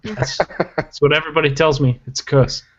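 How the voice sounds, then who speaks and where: A man in casual podcast chat over a video call, joking and teasing with quick reactions. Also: a little high, fairly even intonation, a bit bright. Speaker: podcast co-host. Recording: dull lo-fi video call audio.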